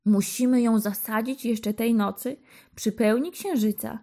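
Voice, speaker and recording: An eager young boy from a fairy tale, voiced by a woman narrator. His voice sits high and lively, full of hope and wonder. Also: measured pace. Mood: excited. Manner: high, excited.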